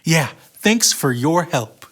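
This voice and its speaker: Man, kids' Bible story narrator, lively pitch. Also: takes it slowly, breathy edge.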